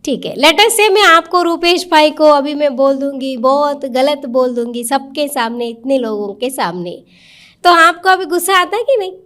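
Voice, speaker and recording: A woman's voice: sits high, animated, moderate pace, fairly bright tone. A woman giving an interactive spiritual talk to a live audience in a meditation centre hall, questioning people directly in a coaxing, conversational way.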